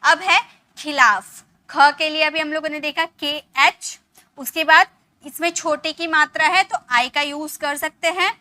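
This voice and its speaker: A woman with a high, bright voice leads a spelling lesson. She talks patiently and says each word several times, slowing down so every sound is easy to hear. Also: fairly even intonation, no room sound. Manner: patient, repeats words slowly to show their sounds. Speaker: English teacher.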